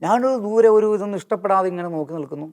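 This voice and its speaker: A man giving an earnest personal testimony in an interview, slowing down when he quotes hymn lines. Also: sits high, expressive, darkish tone.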